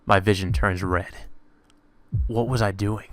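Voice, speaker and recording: In an unhurried, lowish voice with fairly even intonation, a man narrates a visual novel for a let's play, stopping now and then for irreverent, sweary commentary. The recording has no room sound.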